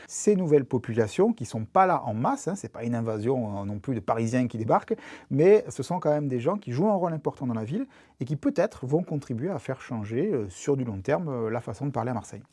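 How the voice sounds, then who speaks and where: Mellow man explaining in an interview. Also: medium pitch, animated, fast, husky, dry recording, clean studio sound. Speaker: researcher interviewee.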